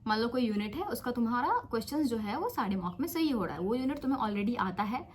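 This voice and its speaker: A woman's voice: fairly high pitch, expressive, fast, a little hiss or hum. A young woman in her twenties, a medical student, coaching exam students in a casual, bossy, teasing big-sister tone with playful scolding. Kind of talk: casual direct-to-camera coaching.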